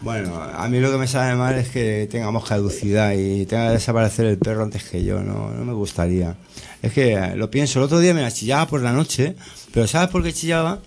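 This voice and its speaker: Brief: gravelly-voiced man, middle pitch, rambling interviewee who halts and restarts often. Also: a little mellow. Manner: rambling, halting, with many restarts and tag questions. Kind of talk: casual storytelling.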